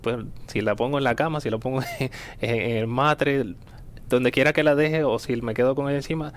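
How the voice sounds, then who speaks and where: A man with a middle-pitched voice talks loosely on a radio show, reflecting on faith. He strings thoughts together with many fillers and short chuckles. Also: normal speed. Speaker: radio co-host. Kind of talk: casual reflective radio talk.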